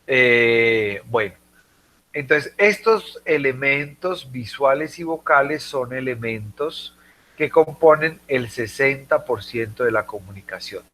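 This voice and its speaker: A man's voice: medium pitch, animated, slow pace, bright, forceful tone. A man teaching a class, explaining patiently and checking in with his students often. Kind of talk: classroom lecture.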